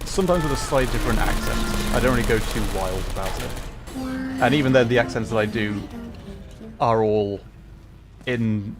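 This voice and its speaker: Rambling English man streaming a game. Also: on the low side. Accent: English, Derbyshire to RP. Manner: chatty and rambling, with frequent fillers and laughs. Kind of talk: casual gaming commentary.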